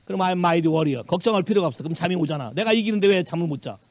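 Male Korean pastor, high voice, lively preaching with bits of English, dry close sound. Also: quick pace, no echo. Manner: animated preaching, mixing Korean with English phrases, quizzing the congregation. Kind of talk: sermon. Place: church sanctuary.

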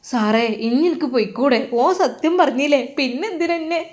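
A woman voicing a distressed older mother who pleads in a shrill voice. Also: normal speed, a little mellow, natural voice. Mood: pleading.

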